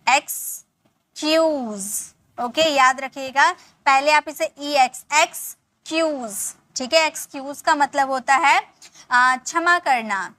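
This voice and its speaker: A woman teaching English words, spelling each one out and repeating it slowly for learners. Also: high voice, sharp tone, no room sound. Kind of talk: spelling and pronunciation lesson.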